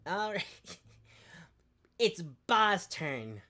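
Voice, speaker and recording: A woman's voice: on the low side, very animated, very slow, sharp tone. A woman running a tabletop game as game master, playful and often laughing.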